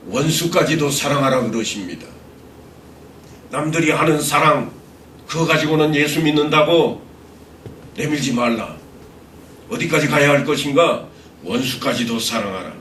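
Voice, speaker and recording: A man's voice: fairly high pitch, fairly bright tone, reverberant, far from the mic, a little hiss or hum. A middle-aged male pastor delivering an expository sermon, earnest and full of rhetorical questions. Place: church sanctuary.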